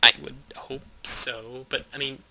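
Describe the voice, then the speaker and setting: A young man hosting a game playthrough, reading on-screen text aloud with sarcastic, deadpan asides. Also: medium pitch, measured pace, a little hiss or hum, rough recording. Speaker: let's play host.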